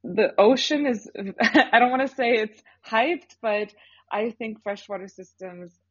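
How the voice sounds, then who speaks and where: A young woman, a startup founder talking earnestly as a podcast guest, with filler pauses. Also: a little high, husky, dry recording. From Canada. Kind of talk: casual interview talk. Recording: slightly dull, dry studio sound.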